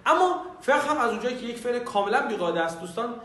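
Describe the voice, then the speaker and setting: A man teaching a recorded language lesson, friendly with viewers and repeating each word slowly for pronunciation practice. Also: very high-pitched, very animated, fairly bright tone. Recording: very echoey, distant mic.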